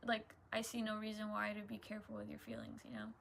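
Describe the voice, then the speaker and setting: A woman's voice: mid-range voice, sing-song, quick pace, vocal fry, fairly bright tone, a little hiss or hum. A young adult woman chatting casually and rambling in a laid-back stoner drawl, trailing off and prone to giggles. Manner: giggly, often breaking into laughter. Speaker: vlogger. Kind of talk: casual rambling solo chat.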